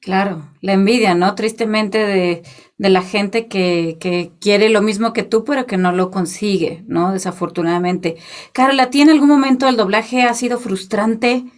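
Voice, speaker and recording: A woman's voice: medium pitch, moderate pace. Woman hosting a podcast. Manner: conversational, asks long questions. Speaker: podcast host. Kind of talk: casual podcast interview.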